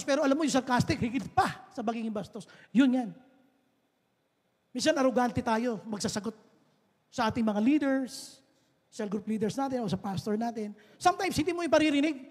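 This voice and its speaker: A man preaching a sermon as pastor, shifting between loud exhortation and soft, low asides. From Philippines. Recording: husky voice with long church-hall reverb.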